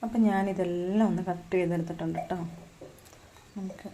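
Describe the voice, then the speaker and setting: A woman talks casually at home in her kitchen, chatty and repetitive. Her voice sits a little low, and she slips into a coaxing sing-song when she speaks to her small child. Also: steady tone, fairly quick, dark tone, a little hiss or hum. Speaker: mother and home vlogger. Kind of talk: casual home vlog chat.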